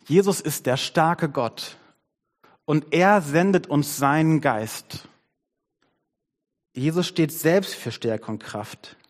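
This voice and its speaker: A man preaching a conversational sermon on his worship team's behalf, shifting his pace and dropping to soft tones. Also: medium pitch, in a large hall. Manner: conversational, varies pace, softens to near-whisper. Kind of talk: sermon with a storybook reading.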